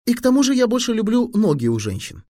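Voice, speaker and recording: A man's voice: high voice, wildly swooping pitch, fast, darkish tone, no echo, clean studio sound, voice pushed up. A man voicing a fat, whiny teenage boy who squeals and mocks his friend in an audiobook. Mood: teasing. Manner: squealing, mocking.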